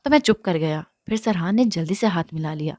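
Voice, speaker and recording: A woman narrating a romance novel in a steady, even storytelling manner. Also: fairly low pitch, dry recording, clean studio sound. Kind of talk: reading a romance novel aloud.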